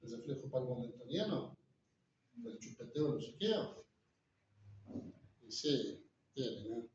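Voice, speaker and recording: A man's voice: mid-range voice, big pitch swings, slow, a little mellow, a little hiss or hum. A man giving a classroom lecture, often asking the students rhetorical questions. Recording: echoey, distant, dull room recording.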